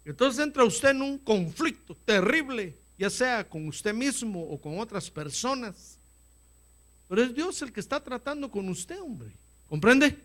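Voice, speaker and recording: A male pastor delivers a lively sermon in church, speaking directly to his congregation. His voice sits high and swings widely in pitch. He keeps things animated and drops in humorous asides. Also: unhurried. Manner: animated preaching with direct address to listeners.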